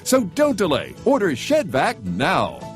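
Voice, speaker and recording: Male infomercial announcer, highish voice, hugely animated emphatic sales delivery, music underneath. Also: measured pace. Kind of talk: infomercial sales pitch, scripted.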